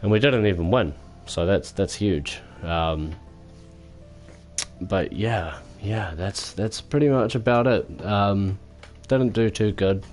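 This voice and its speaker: A man wrapping up a racing stream, tired and sore, self-critical and halting with lots of fillers. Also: fairly low pitch, darkish tone, faint music behind. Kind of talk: casual post-race wrap-up.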